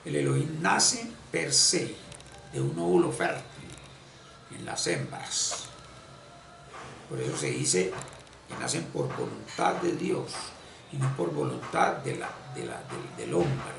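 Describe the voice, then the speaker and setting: Gravelly man lecturing in an echoey room. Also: mid-range voice, wildly swooping pitch, far from the mic, over music. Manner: halting, repeats phrases while searching for words. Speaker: esoteric spiritual teacher. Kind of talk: unscripted religious lecture. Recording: echoey room, voice off-mic, faint ambience.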